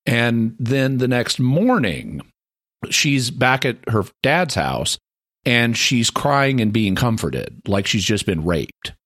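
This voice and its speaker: A man co-hosting a podcast, explaining a point at length in casual discussion and growing animated as he argues it. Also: mid-range voice, takes it slowly, no echo, studio quality. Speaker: podcast co-host.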